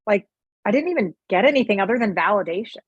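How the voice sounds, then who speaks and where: A woman's voice: mid-range voice, fast, husky, dry recording, dull audio. A woman, a sleep consultant and guest, telling her own story with candor and liveliness, acting out the voices she quotes. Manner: lively, acts out quoted voices, many fillers. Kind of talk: candid personal storytelling.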